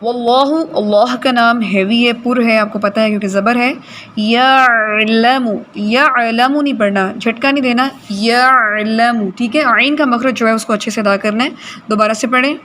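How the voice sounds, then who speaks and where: A woman teaching Quran recitation in a class, correcting students' pronunciation and slowly modelling words for them. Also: fairly high pitch, steady tone, fairly bright tone, slight background noise.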